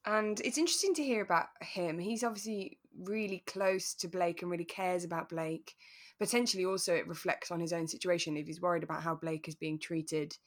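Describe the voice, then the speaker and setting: A woman co-hosting a podcast talks casually through a radio drama, reflecting and explaining as she goes. Her voice is on the low side with fairly even intonation and a fairly quick pace.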